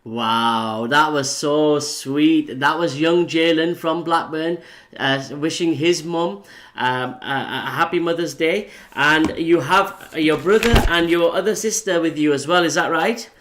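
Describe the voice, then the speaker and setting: Man hosting a podcast, slightly high voice, friendly, halting delivery. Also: a bit bright, a little hiss or hum. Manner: friendly, halting, many fillers and restarts. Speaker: podcast host. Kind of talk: casual chat.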